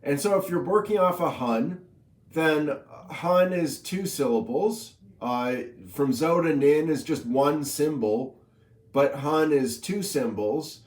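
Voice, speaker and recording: Slow, playful man in an echoey room. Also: a little high. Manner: playful, teasing; recites long lists of coined number words. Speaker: inventor explaining his number system. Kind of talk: casual spoken explainer.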